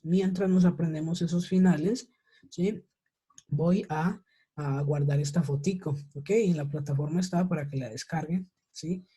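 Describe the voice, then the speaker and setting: Slow, husky-voiced woman teaching online. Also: deep voice, mellow. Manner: patient, checks understanding with repeated questions. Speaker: English teacher. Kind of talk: online class lesson. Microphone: video call.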